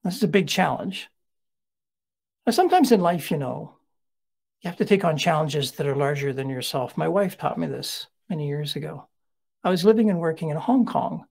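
A middle-aged man giving a keynote talk, telling stories with lively conversational asides. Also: on the high side, normal speed, gravelly. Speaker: keynote speaker.

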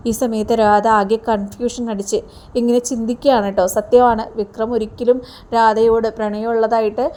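A woman's voice: a little high, little pitch movement, normal speed, dark tone. Chatty woman recapping a serial. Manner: chatty storytelling with filler tags. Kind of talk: retelling a TV serial episode.

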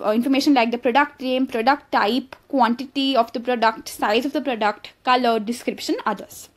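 A woman with a high voice talks through slides in a recorded online lesson. Her explanations stay easygoing, with frequent ums and uhs and sentences she stops and starts over. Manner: explanatory, frequent fillers and restarts. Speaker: online course educator.

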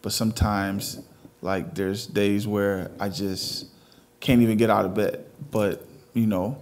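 Speaking slowly in a fairly low, flat, slightly mellow voice, a man in his thirties from Ghana gives straightforward, sincere answers as an interview guest. He's a fashion designer who left Ghana at age thirteen. A lapel mic captures him inside a TV studio.

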